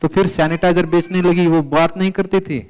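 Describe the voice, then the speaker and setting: A middle-aged man giving an animated conference lecture, telling patient stories and quoting Sanskrit verses. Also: sits high, fairly quick, slight background noise, rough recording. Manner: animated, mixes English terms and Sanskrit verses. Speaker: Ayurveda lecturer. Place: conference hall.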